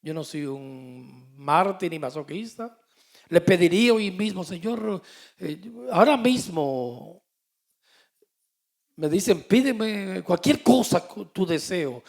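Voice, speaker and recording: Man, 50s, pastor delivering a sermon; gravelly voice pitched a bit high, quiet asides breaking into emphatic declarations. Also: expressive, slow.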